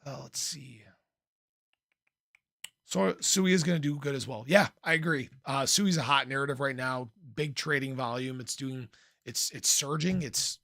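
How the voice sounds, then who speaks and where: A slightly hoarse man who's losing his voice hosts a casual, playful crypto livestream, reading out and answering comments from viewers. His mid-range voice sounds pushed and bright, he clears his throat frequently, and the sound is dry, clean studio audio.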